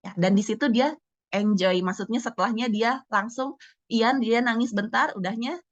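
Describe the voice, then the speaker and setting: Woman teacher speaking at a seminar, higher voice, dull dry sound, acts out kids in her stories. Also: moderate pace, no room sound. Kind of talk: seminar talk.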